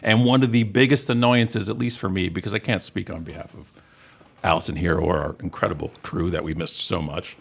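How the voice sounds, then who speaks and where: A man in his fifties co-hosting a podcast, telling animated, joking stories in casual chat. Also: sits low, fairly quick, vocal fry. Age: 50s. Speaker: podcast co-host.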